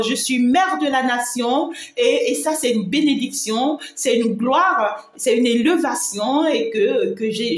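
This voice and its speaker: Emphatic woman medium, roomy echo. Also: mid-range voice. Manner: emphatic, repetitive, affectionate address to viewers. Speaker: spiritual medium and channel host. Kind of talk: live-streamed spiritual talk.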